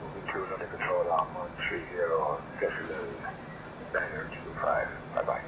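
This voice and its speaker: A man's voice: deep voice, fairly even intonation, moderate pace. A male pilot giving clipped, matter-of-fact readbacks over the aircraft radio. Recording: aircraft radio with loud static.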